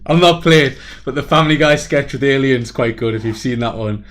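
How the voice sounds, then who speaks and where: A young man hosting a casual online chat, rambling in a relaxed way over a video call. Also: mid-range voice, brisk. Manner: rambling, relaxed, reads out viewer comments. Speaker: host.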